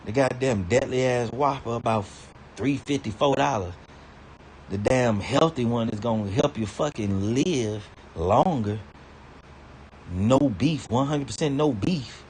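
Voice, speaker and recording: A male vlogger rants casually to camera, swearing heavily, stammering and repeating words as he rambles. His darkish voice runs a little slow over slight background noise, and it jumps high in pitch whenever he gets indignant.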